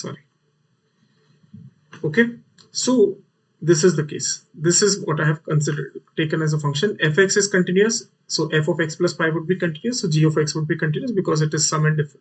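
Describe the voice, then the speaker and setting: Husky North Indian man teaching, slightly distant. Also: a little high. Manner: repeats phrases for emphasis. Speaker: mathematics teacher. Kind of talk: live online lesson, explaining worked problems. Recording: voice sounds distant from mic.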